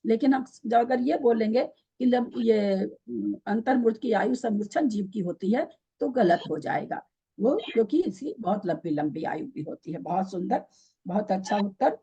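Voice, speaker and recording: Woman teaching a scripture class, kinda husky gravelly voice, mellow, keeps quizzing students. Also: fairly high pitch, lively intonation, normal speed, lo-fi sound. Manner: questioning, explaining patiently, repeats key terms.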